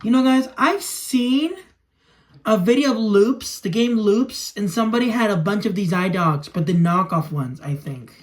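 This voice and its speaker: At normal speed and in a high voice, a young adult man narrates a hands-on toy demonstration for his home vlog. He casually describes his own actions while handling toys in a small room, and the recording is noisy, with clicks.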